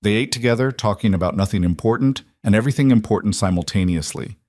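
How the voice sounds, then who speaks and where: Guy reading a drama story, lowish voice, dry close sound, measured. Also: darkish tone, no echo. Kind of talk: scripted story narration.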